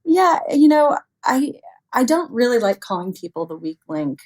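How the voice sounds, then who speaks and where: A woman with a slightly high, somewhat mellow voice speaks at a moderate pace and is very animated. As an expert guest in an interview, she explains things informally and conversationally with everyday examples, chuckling often and acting out quotes to illustrate her points.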